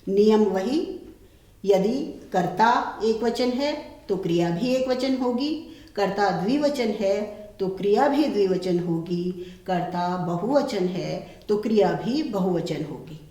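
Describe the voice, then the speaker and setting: A woman teacher explains a textbook lesson at an unhurried pace, repeating each word form clearly. Her voice sits at a middle pitch and rings in an echoey room. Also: expressive, dark tone. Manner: slow, deliberate, repeats word forms one by one. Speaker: Sanskrit teacher.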